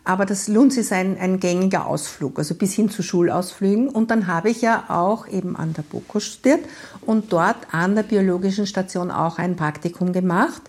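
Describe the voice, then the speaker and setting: A woman novelist from Lower Austria with an Austrian accent, reading her crime novel and talking thoughtfully about her writing. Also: moderate pace, darkish tone. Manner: thoughtful, explanatory. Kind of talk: author reading and interview.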